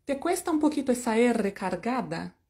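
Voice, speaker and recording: Teaching English in Spanish, this woman has a fairly high, mellow, sing-song voice and speaks at a normal speed. Her manner is playful: she sings snippets of songs and pokes fun at herself.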